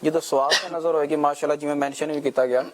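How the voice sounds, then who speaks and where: Punjabi-accented guy, slightly high voice, explaining stuff on a religious tv panel. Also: fairly even intonation. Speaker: panelist on religious talk show. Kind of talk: religious talk show discussion.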